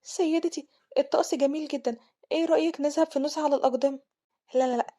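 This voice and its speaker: Brief: woman doing an eager young maid, Egyptian accent, sweet coaxing, pitched up, quick. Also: steady tone, warm tone, close to an everyday voice. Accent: Egyptian Arabic.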